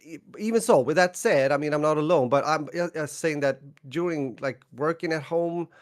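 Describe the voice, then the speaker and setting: A middle-aged man with a Swedish accent, a podcast co-host talking casually, haltingly, with many restarts and soft laughs. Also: a little high. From northern Sweden. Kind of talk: casual chat.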